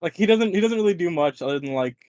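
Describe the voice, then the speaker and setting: Young male podcast guest, a touch high-pitched, dry close sound, rambling storyteller. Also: animated, fast talker, a little mellow, no echo. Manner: rambling, laughing anecdotes full of fillers. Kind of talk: casual chat.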